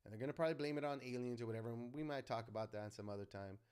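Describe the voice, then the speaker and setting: A man's voice: mid-range voice, rapid-fire, darkish tone, clean tone. A middle-aged man hosting a livestream, talking in an impassioned, preachy way and acting out quotes. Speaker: livestream host. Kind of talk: casual political livestream monologue.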